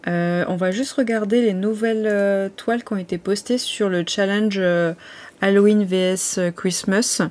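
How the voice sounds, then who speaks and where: A woman talking through a casual vlog in a warm, mellow voice. She chats at an easy, medium pitch, full of little hesitations and restarts. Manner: chatty, hesitant, many fillers and restarts. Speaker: vlogger.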